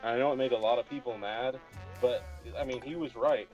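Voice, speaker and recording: A man co-hosting a let's play, chatting casually in a relaxed, helpful way. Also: mid-range voice, fairly quick, highs cut off, faint music behind. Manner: relaxed, helpful, chuckling often. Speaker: co-host friend. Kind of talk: casual gaming chat.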